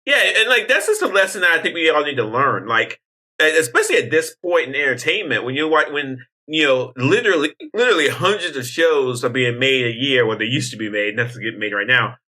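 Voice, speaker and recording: Bright-voiced animated man, podcast chat. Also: brisk. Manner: animated, wide-ranging pitch, restarts often. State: hiccuping. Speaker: podcast co-host. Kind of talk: casual chat.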